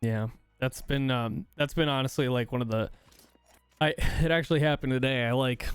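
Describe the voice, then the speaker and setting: A man in his thirties hosting a casual chat, goofy and energetic, laughing often and swearing freely. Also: medium pitch, moderate pace, clean tone, no room sound, soft background music. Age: 30s. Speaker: streamer host.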